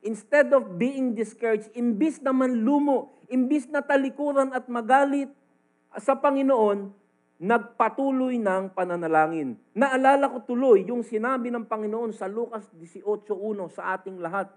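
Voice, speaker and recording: A man with a Filipino accent preaching a sermon as pastor, swinging between loud emphatic lines and quiet asides. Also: very high-pitched, normal speed, rough recording.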